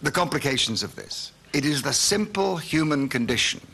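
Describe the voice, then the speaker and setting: Measured British man giving a speech. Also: on the high side, sing-song, sharp tone, slightly rough. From Britain. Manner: measured, emphatic oratory with pauses. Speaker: member of the House of Lords. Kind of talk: formal conference speech.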